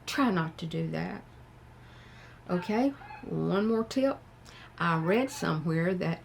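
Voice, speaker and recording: An older woman with a Southern US accent gives frank, plain-spoken advice to her viewers, talking slowly and thoughtfully. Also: lowish voice, vocal fry, a little hiss or hum. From American South. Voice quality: slow and thoughtful. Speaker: vlogger. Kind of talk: casual advice talk to camera.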